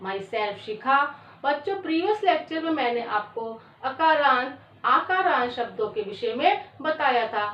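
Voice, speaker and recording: Slow-dictating woman teacher, echoey room. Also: sits high, lively intonation, recorded from a distance. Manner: slow dictation-like delivery, repeating words and quizzing students. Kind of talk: classroom lesson. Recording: echoey, dull sound from away from the mic.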